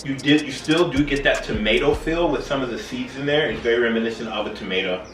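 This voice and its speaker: A man's voice: medium pitch, fast talker, fairly bright tone, slight background noise. A tipsy man hosting a casual home cooking demonstration, talking in a loose, rambling way. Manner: tipsy, loose and rambling, drinking shots as he cooks. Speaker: cooking show host. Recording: roomy echo, distant mic, music behind. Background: music.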